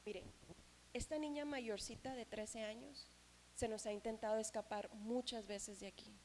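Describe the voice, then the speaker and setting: A woman voicing a patient female social worker who explains things gently in a low, quiet voice. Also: fairly even intonation, moderate pace, a little hiss or hum, lightly acted, poor audio. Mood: gentle, serious.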